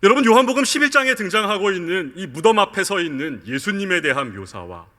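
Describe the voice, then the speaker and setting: A man preaching a sermon as pastor, talking earnestly to his congregation and slowing down on the lines he quotes. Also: fairly high pitch, sharp tone. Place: church sanctuary. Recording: long church reverb.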